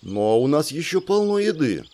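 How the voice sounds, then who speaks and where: A man voicing an indignant, headstrong young princess in an audiobook, with sharp retorts. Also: deep voice, a little slow, voice pushed up.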